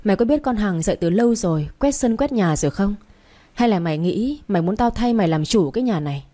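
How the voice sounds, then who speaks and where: A woman reading the part of a harsh, spiteful senior wife who scolds in a shrill, hissing way, in a narrated story. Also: expressive, quick pace, mellow, natural voice. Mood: scolding.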